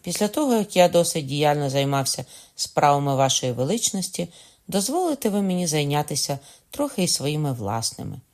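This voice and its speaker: A man's voice: a little high, sing-song, brisk. A man voicing a loyal, vengeful young soldier in an audiobook reading, blunt and resolute.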